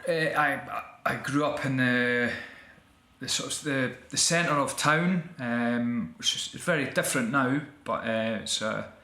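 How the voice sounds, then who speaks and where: A man's voice: medium pitch, measured pace, pushed and bright, echoey room. A middle-aged Scottish man, an actor and writer, talking reflectively as an interview guest with many restarts and fillers. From Scotland.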